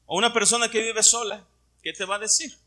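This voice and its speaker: A man's voice: sits high, steady tone, fairly quick, sharp tone. A middle-aged man from Puerto Vallarta with a Puerto Vallarta Mexican Spanish accent, preaching a Sunday sermon and putting questions to his congregation. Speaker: pastor.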